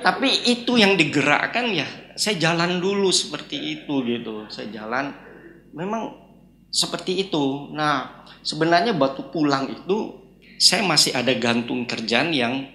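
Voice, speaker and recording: Man, faith testimony, hushed then loud, tense bright tone. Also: a little high, measured pace, roomy sound. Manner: lively storytelling that turns hushed and then loud, with laughs. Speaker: guest giving testimony.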